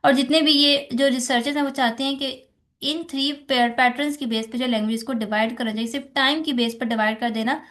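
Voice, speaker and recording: Pakistani woman lecturer, high voice, explains patiently, asks questions and answers them herself. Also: fairly even intonation, fairly quick, fairly bright tone. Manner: explanatory, repeats rhetorical questions and "theek hai". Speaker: teacher. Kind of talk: exam-focused lecture on phonetics.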